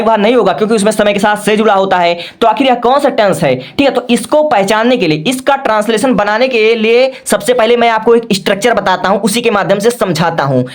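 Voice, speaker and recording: A male teacher giving a patient, step-by-step lesson, often checking in with "okay" and spelling words out letter by letter. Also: high voice. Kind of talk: classroom-style lesson.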